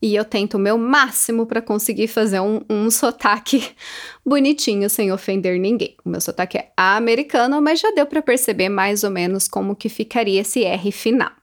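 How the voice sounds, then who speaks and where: A woman giving a pronunciation lesson, slowly modeling words for the listener to repeat. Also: mid-range voice. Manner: slow, clear, modeling words for repetition. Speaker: English teacher.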